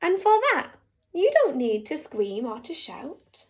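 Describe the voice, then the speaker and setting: A woman teacher reads a rhyming picture book aloud in a high, bright voice. She takes her time and lets her pitch rise and fall freely, leaning into the rhythm of the rhymes. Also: measured pace. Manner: animated, rhythmic rhyming delivery. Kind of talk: expressive picture-book reading.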